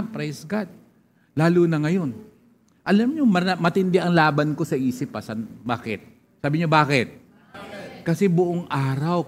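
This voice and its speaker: Male Filipino pastor, emphatic sermon delivery, somewhat high pitch, faint room hum behind. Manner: emphatic preaching, repeats key lines, loud scripture reading; frequent murmured "praise God" interjections.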